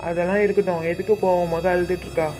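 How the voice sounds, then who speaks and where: A voice actor playing a strict middle-aged father in a cartoon, gruff and commanding. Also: mid-range voice, flat delivery, rapid-fire, close to an everyday voice. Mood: demanding. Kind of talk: cartoon voice acting. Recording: faint background music.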